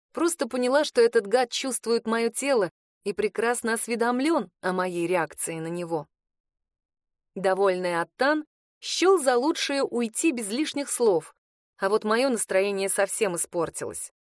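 A woman narrating a first-person novel as an audiobook, lively and expressive. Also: medium pitch, moderate pace, dry recording, studio quality.

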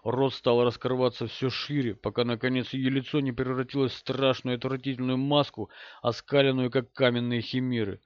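A man's voice: mid-range voice, level tone, moderate pace, dry recording. Man narrating a horror audiobook, dull sound.

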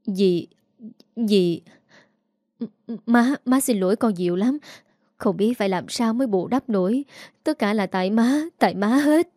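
Woman doing gentle middle-aged aunt, Southern Vietnamese accent, stammering, mellow, dry close sound. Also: mid-range voice, a little fast, no echo, natural voice. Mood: tearful. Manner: tender, flustered, stammering when pressed.

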